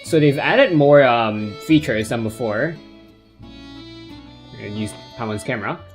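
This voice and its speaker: A man streams a video game with casual live commentary. He talks in an offhand, hesitant way and rambles from thought to thought. Soft plucked guitar music plays faintly behind his mid-pitched voice. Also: expressive, unhurried.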